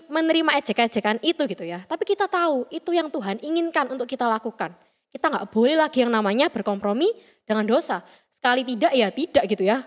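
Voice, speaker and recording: A young woman gives a chatty youth sermon, playfully acting out the voices she quotes. Her voice sits high and her words come fast. A long hall reverb trails behind her. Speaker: youth service speaker.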